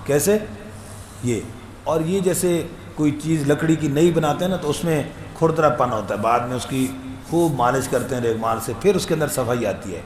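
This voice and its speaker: A man, teaching Quran recitation and explaining letter sounds. He talks conversationally, tells humorous anecdotes, and sings out long drawn-out demonstrations of each letter. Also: fairly high pitch. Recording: echoey room with faint background hum.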